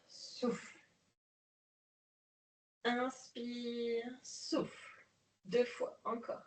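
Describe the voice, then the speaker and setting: A woman leading a guided prenatal exercise class, calmly counting breaths and giving coaching cues. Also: fairly high pitch, recorded from a distance. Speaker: prenatal fitness instructor. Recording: echoey room, voice off-mic.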